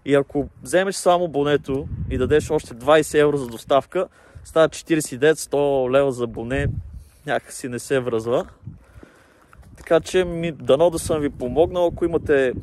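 A young man talking through a face mask as he casually reviews gear, explaining things plainly with pauses and fillers. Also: a little high, a little mellow, a little hiss or hum.

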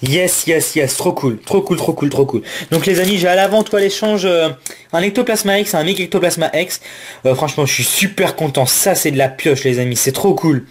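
A man hosting a casual card-opening vlog, listing card names in a running commentary and talking excitedly to his viewers. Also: on the high side, brisk. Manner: excitable, exclamatory, addresses viewers as friends.

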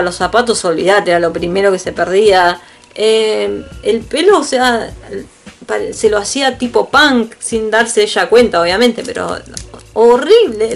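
A woman with an Argentine Spanish accent chatting casually and rambling through an unboxing, swearing offhandedly and often laughing. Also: on the high side. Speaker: vlogger.

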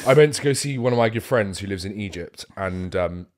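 A man's voice: fairly low pitch, animated, fairly quick, slight background noise. A man co-hosting a podcast, asking curious questions and getting a little flustered in casual chat. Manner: curious, a bit flustered, self-conscious laughs. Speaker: podcast co-host.

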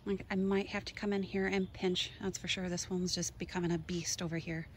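With a fairly low voice, a flat delivery, and a brisk pace, a gardening vlogger from Minnesota gives an excited, chatty tour of her outdoor container garden. She points things out as she films on a handheld phone, with slight background noise.

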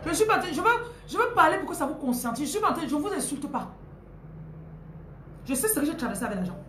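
A woman with a Cameroonian French accent giving an animated, playful motivational talk about money, repeating herself for emphasis. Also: sits high, fast talker, roomy sound, noisy background. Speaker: money and spirituality coach. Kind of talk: motivational talk with acted-out scenes.

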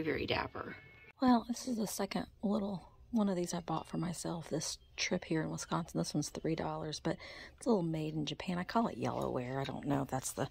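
A middle-aged woman vlogging as she browses an antique mall, chatty and excitable, often dropping into a half-whisper. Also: deep voice, gravelly. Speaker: vintage shopping vlogger. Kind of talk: shop-with-me vlog narration. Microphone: handheld phone camera.

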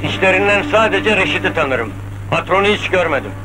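An actor playing a cautious middle-aged crook in a 1970s film drama, instructing in a businesslike way. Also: male voice, sits high, animated, a little fast. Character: cautious middle-aged male crook planning a safe robbery. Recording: noisy old film soundtrack.

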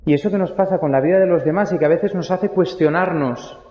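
A man's voice: fairly high pitch, quick pace, echoey room, long reverb tail, highs cut off, a little hiss or hum. A young adult man, a priest, giving a homily in a conversational way and putting questions to his listeners. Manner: conversational, asks the congregation questions.

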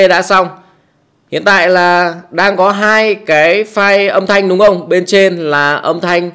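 A man giving a casual how-to tutorial in a small quiet room, chatty, with many fillers and repeated tag words. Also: a little high. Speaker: tutorial host.

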